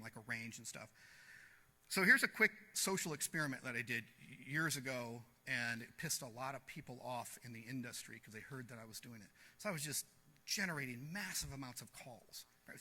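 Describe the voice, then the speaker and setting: A man giving a blunt, animated marketing seminar talk to a live audience, acting out the people he quotes. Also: mid-range voice, a little fast. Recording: echoey hall.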